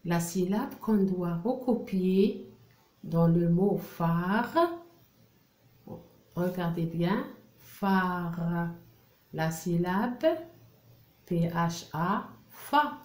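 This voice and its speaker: A woman teacher, slowly drilling French syllables for young children and repeating each one. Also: on the low side, darkish tone. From Algeria. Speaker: primary school French teacher. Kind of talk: reading lesson for young children. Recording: roomy echo.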